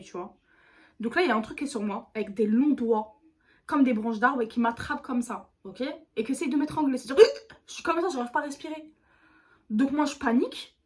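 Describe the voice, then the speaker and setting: A woman YouTuber telling a storytime to her viewers in a chatty, slangy way, speaking straight to the camera. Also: fairly high pitch. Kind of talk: casual storytime vlog.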